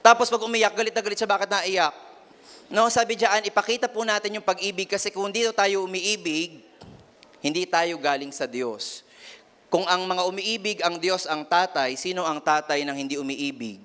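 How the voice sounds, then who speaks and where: A young man preaches to a youth congregation with a high, smooth and resonant voice. He is animated and playful, slipping into the voices of family members. The sound rings with long hall reverb. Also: normal speed. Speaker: youth pastor. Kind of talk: lively youth sermon. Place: church hall.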